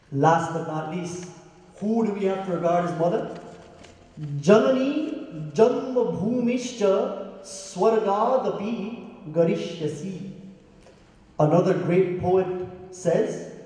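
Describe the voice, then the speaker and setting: A man's voice: a little high, warm tone. A man from Guyana preaching a sermon to a congregation, asking them questions and chanting Sanskrit verses. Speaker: pandit preaching. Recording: echoey hall, heard from far off.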